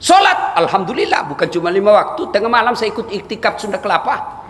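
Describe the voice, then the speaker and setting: A man's voice: sits high, big pitch swings, quick pace, a bit bright, pitched above the performer's own voice. A man voicing a poor, devout housemaid woman who speaks humbly and meekly. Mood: humble. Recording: echoey hall, faint ambience.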